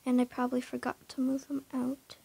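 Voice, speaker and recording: A young woman narrates her horse barn while playing a horse game, commenting casually and without hurry. Her high voice is creaky, husky and hesitant, packed with fillers, often dropping to a whisper, and her delivery is completely flat and mellow.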